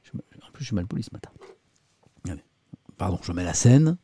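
Mellow-voiced man hosting a live stream. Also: low voice, big pitch swings, fast, slight background noise. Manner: chatty, thinking aloud, self-mocking. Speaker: live-stream host reading the press. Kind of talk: casual live-stream chat.

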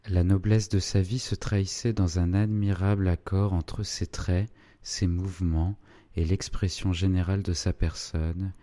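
A man reads a classic novel aloud in a measured, steady way. His voice is low-set and mellow, warm and unhurried. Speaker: audiobook narrator. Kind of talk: scripted narration of a classic novel.

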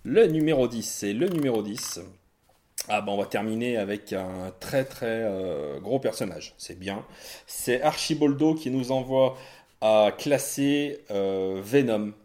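A man's voice: lowish voice, lively intonation, a little slow, mellow. A man hosting a casual panel chat, joking, laughing often and swearing casually. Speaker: podcast host.

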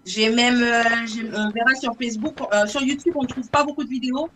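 Speaking a little fast with a high-leaning, fairly bright voice and fairly even intonation, this native English speaker from Saint-Martin in the Caribbean is interviewed as a singer. She talks casually in broken phrases, and clicks and noise mar the recording.

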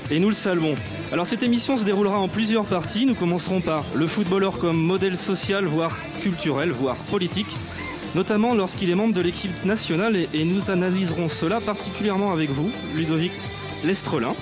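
Over music, a man with a high-pitched, brisk voice hosts a live radio show from an outdoor stage at an arts venue with an audience. He introduces guests in a formal, playfully grand manner, hesitating often.

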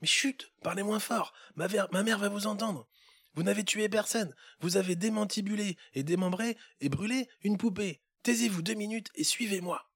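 A plucky seven-year-old boy, as a man reading a storybook tale puts him on, pitched high. He gives orders in a hushed, bossy tone. The sound is dry and close. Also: moderate pace, husky, no echo.

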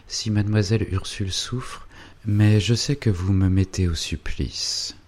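A man's voice: lowish voice, steady tone, a little slow, darkish tone. A man voicing an earnest, generous young nobleman in a read-aloud novel.

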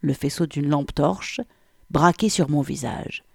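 A woman's voice: low voice, a little slow, creaky, warm tone, no room sound. A woman reading a first-person story as an audiobook narrator, with wry, vivid storytelling on a close microphone.

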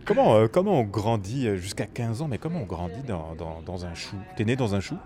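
A man's voice: fairly low pitch, big pitch swings, brisk, dark tone, faint music behind. A man interviewing a guest in a casual, playful way, teasing with wordplay.

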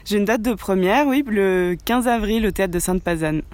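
A woman's voice: mid-range voice, moderate pace, a little mellow, no echo. A young adult woman, a contemporary dancer, answering radio interview questions with many hesitations and restarts.

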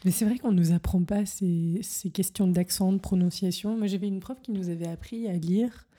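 A woman from France talking casually in a relaxed way. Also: on the low side, moderate pace. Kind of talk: casual chat.

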